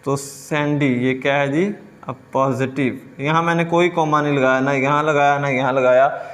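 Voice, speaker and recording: A man's voice: medium pitch, steady tone, a bit bright, long reverb tail. A man giving a grammar lecture, explaining step by step and asking questions that he answers himself. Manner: reads English example sentences slowly and deliberately. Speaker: English grammar teacher.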